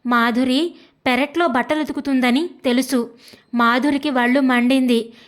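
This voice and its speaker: A woman narrating a domestic story in a steady, expressive reading voice. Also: high-pitched.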